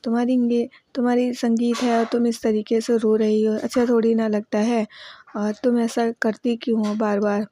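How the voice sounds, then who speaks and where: Cool, measured young woman, read by a woman, soothing and mellow. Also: fairly high pitch, flat delivery, no echo, close to an everyday voice. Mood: calm. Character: calm young woman coolly forgiving a rival friend.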